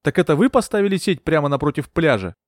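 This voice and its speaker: A male narrator voicing a bold young woman bodyguard, brisk, stubborn and sharp-tongued. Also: on the high side, very animated, no echo, studio quality, pitched above the performer's own voice.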